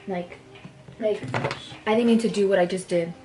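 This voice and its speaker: A man's voice: high-pitched, fairly even intonation, moderate pace, warm tone, faint music behind, close to an everyday voice, rough recording. A woman voicing a frantic young man who pleads for help in a retold story. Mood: panicked.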